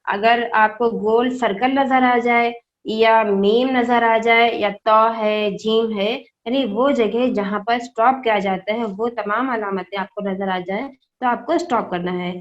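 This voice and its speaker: A woman's voice: a little high, fairly even intonation. A woman teaching an online class on reading the Quran, spelling out the words letter by letter and answering her own questions. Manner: asks questions and answers them herself. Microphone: online call microphone. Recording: dull lo-fi video call audio.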